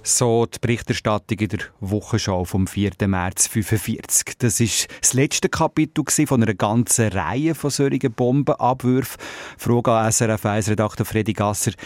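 A man presents a radio magazine with a Swiss German accent. His pitch is middling. The studio sound is dry, with no room echo. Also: normal speed, a little mellow.

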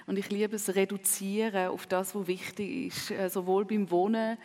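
A woman speaking German with a Swiss accent, her first language French. She answers interview questions in a lively way, laughing often and filling pauses. Her voice sits in the middle of the range with a long reverb around it. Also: medium pitch. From grew up in Paris, Hamburg and Zurich. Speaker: guest, dialogue writer. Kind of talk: casual interview chat.

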